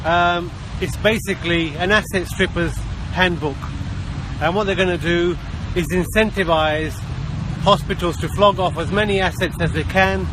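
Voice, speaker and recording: A British doctor and campaigner speaking emphatically in a street interview outdoors. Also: male voice, high voice. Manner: emphatic, urgent. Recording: street traffic noise behind.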